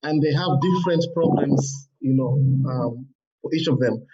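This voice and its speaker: A man's voice: medium pitch, measured pace, dark tone, a little hiss or hum. A man giving an informative contribution in an online webinar. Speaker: workshop participant. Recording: dull, distant online call microphone.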